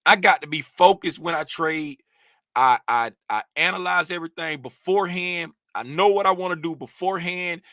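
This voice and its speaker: A man's voice: a little high, normal speed, bright, forceful tone, no echo, clean studio sound. A worked-up man hosting a trading channel, ranting animatedly to his viewers in a casual way. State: worked up and sweating.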